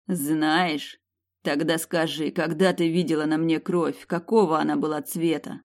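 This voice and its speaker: A woman's voice: low voice, fairly even intonation, unhurried. A woman voicing a cold, menacing male mercenary in an audiobook, with clipped speech. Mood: mocking. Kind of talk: audiobook character reading.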